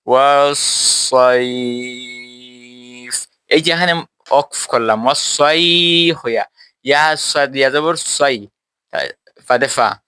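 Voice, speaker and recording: A man teaching a tajweed class, explaining step by step and quizzing his students, with slow drawn-out letters. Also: fairly high pitch, pushed and bright, clear, resonant tone, no echo. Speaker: Quran recitation teacher.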